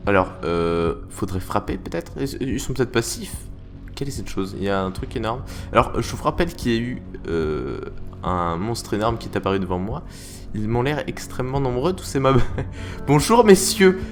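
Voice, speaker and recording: A man's voice: fairly low pitch, expressive, moderate pace, soft background music. A man hosting a semi-roleplay game video, commenting in a mock-formal, theatrical way with many hesitations. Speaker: let's play host.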